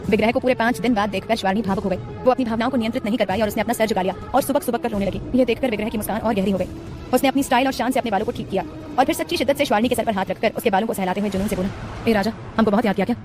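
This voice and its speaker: A woman reads a romance audiobook aloud, telling the story quickly and dramatically. Her voice sits a little high and races along, with scripted narration throughout. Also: music in the background.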